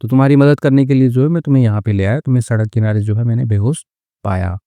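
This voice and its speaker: A man teaching English through a story, reading each English phrase slowly and then explaining it in a patient, chatty way. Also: mid-range voice, warm tone, clear, resonant tone, dry recording. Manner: reads English lines slowly, then glosses them.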